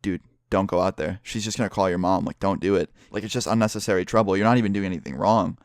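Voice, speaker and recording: A man's voice: low-pitched, steady tone, fast, dry recording, studio quality, voice pushed down, natural voice. A man doing a laid-back teenage buddy. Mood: urgent. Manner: casual, slangy.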